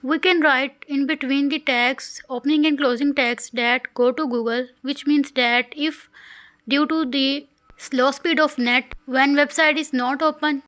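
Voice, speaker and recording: A woman's voice: high voice, steady tone, a little slow, fairly bright tone, faint music behind. A woman narrates a coding tutorial in a careful, instructional way, with phrasing. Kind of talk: scripted screen-recorded tutorial narration.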